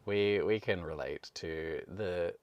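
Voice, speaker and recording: A young man co-hosting a podcast, describing things in a relaxed, casual way. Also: deep voice, takes it slowly, muffled recording. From Australia. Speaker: podcast co-host. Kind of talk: casual chat.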